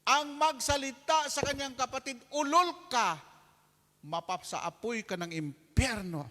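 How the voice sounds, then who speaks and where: A man preaching a sermon with a notably high voice. He keeps checking in with the crowd and acts out his stories with lively asides. The sound hangs in a long, ringing hall reverb. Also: normal speed. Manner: animated preaching with call-and-response asides and acted-out anecdotes. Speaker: lay preacher.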